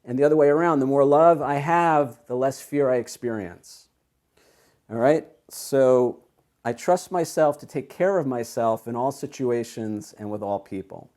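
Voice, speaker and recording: A man's voice: medium pitch, normal speed, a little mellow. A man leading an online self-help workshop over a video call, explaining ideas step by step in an earnest, encouraging way. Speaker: workshop leader.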